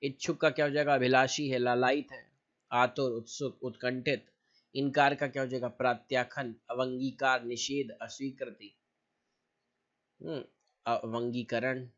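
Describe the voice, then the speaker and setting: A man teaching as a language teacher, reciting lists of synonyms in a steady, drilling way with short asides. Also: medium pitch, normal speed, muffled recording. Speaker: Hindi teacher.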